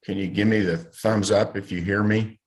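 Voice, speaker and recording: A man speaking into a video call that keeps cutting out, halting and repeatedly checking whether he can be heard. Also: fairly low pitch, steady tone. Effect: glitchy, cutting-out video call audio. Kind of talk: remote court hearing.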